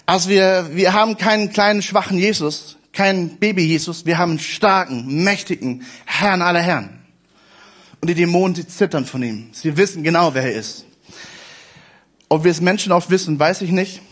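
High-voiced emphatic male preacher. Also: normal speed, fairly bright tone. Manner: emphatic, repeats phrases for stress. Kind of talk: sermon.

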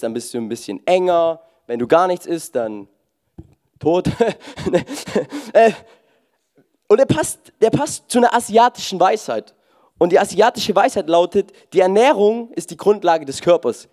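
A man preaching a lively, casual sermon, often starting lines with "hey" and mixing jokes with scripture. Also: sits high. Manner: casual, jokey, peppers talk with "hey"; swings loud and soft, fast and slow.

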